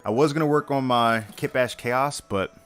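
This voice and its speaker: A man's voice: medium pitch, normal speed, a bit bright, clean tone, soft background music. A tired man hosting a live stream, chatting casually and rambling with lots of fillers and restarts while he builds a model kit.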